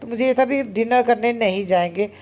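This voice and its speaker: A woman in her thirties, a homemaker vlogger, chatting casually and very fast with many fillers. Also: a little high, darkish tone. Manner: talks very fast. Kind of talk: casual vlog narration.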